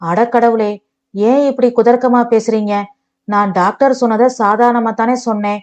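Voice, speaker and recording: A woman voicing a patient young wife who speaks calmly and soothingly. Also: on the high side, moderate pace, muffled recording, natural voice. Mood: pleading. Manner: calm, soothing, pleading.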